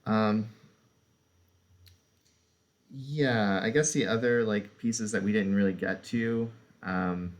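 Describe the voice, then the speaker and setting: A man co-hosting a casual chat, talking in a relaxed, rambling way with lots of "like" and "um". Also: fairly low pitch, slow, pauses often. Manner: relaxed, filler-heavy, lots of "like" and "um". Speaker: co-host discussing personality typing.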